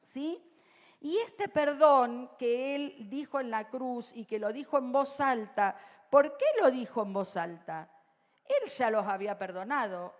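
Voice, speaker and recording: A woman pastor with an Argentine Rioplatense accent, preaching a sermon to a congregation and often checking in with "¿sí?", her voice swinging between loud and soft. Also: high-pitched. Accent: Rioplatense Spanish. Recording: long reverb of a church hall.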